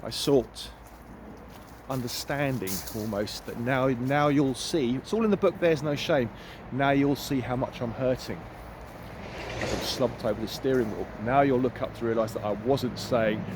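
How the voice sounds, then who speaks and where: A man's voice: mid-range voice, moderate pace. Earnest man vlogging outdoors. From United Kingdom. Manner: earnest, emphatic, repeats phrases. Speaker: empowerment coach. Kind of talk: walking vlog monologue. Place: outdoors in woods. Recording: faint outdoor noise.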